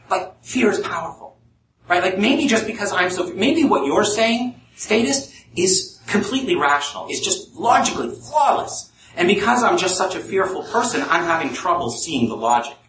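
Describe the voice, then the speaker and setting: A man's voice: very animated, fairly bright tone. A man playing a nervous, fearful catastrophizer who keeps raising worried questions, heard from a distance in an echoey room. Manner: nervous, halting, pitching up with worry. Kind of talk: live speech role-play. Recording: echoey room, mic at a distance, faint noise.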